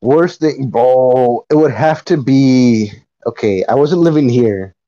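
A man chatting on a podcast in a dark, mellow voice, swearing freely and breaking into laughter as he rambles through a story. The recording sounds dull and lo-fi. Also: medium pitch, slow pace. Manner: profane, rambling storyteller who laughs often. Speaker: podcast co-host. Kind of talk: casual chat.

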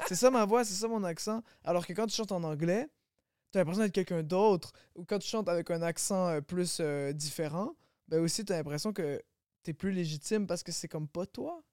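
Clear-voiced rapper guest, fairly high. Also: male voice, normal speed, no room sound, studio quality. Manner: reflective and animated, laughs often. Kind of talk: casual podcast conversation.

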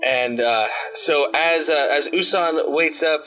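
A man's voice: on the high side, slow, bright, forceful tone. A man narrating a tabletop game as game master, rambling with many fillers.

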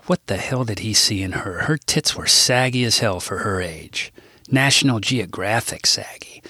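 A man's voice: lowish voice, vocal fry, bright, forceful tone, breathy edge, dry recording, clean studio sound. A man reading his own comic novel aloud, with wry, irreverent asides to the listener. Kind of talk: comic audiobook narration.

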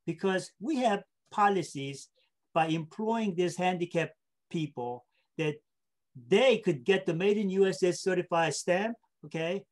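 A middle-aged South Korean man, a state government official appearing as an interview guest, speaks in a high, slightly mellow voice at a measured pace. He answers questions with anecdotes and explains things step by step, often checking in with short tag questions.

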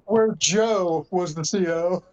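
A woman's voice: fairly low pitch, slow pace, a little mellow, a little hiss or hum. Chatty woman telling a game story. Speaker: airsoft player. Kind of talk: casual podcast chat. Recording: dull lo-fi audio.

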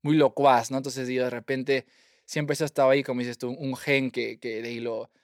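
A young man, a guest telling his story in a lively way and slipping English phrases in among fillers. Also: mid-range voice, a little fast, dry recording, clean studio sound. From Peru. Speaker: guest scientist. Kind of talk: casual interview storytelling.

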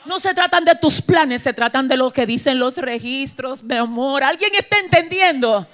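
Woman pastor, fiery sermon, high voice, swings loud to soft. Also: normal speed. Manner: animated preaching, swings from shouts to hushed asides.

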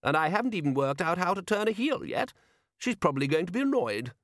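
A man voicing a brisk, kindly aristocratic lady in an audiobook, bright and fussing. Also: high voice, very animated, dry recording, studio quality, voice pushed up. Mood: fond.

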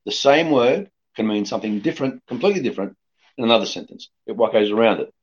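A middle-aged man raised in Australia, talking casually as a podcast guest in a rambling, lively way with many restarts. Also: mid-range voice, quick pace. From born in Greece, raised in Australia. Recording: dull lo-fi podcast audio.

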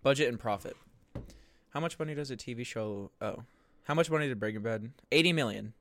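A man's voice: medium pitch, brisk, fairly bright tone, a little hiss or hum. A young man co-hosting a casual podcast, rambling with lots of fillers and bursts of laughter. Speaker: podcast co-host. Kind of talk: casual chat.

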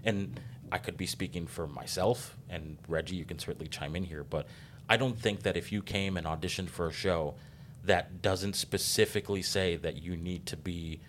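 A man's voice: low-pitched, moderate pace, a bit bright, slight background noise. A man hosting a podcast interview, talking in long earnest stretches filled with ums. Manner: rambling, frequent ums, earnest. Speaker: podcast host.

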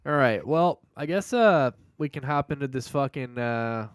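A man co-hosting a live podcast, swearing constantly through loud, teasing banter over a video call. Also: mid-range voice, lively intonation, moderate pace, clean tone, no echo, clean studio sound. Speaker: podcast co-host. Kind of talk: crude casual chat.

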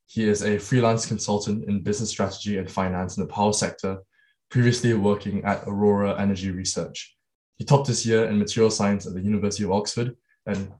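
Man, podcast host, lowish voice, formal introduction, brief questions. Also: mellow. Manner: reads a formal guest introduction, then asks brief questions. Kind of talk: podcast interview.

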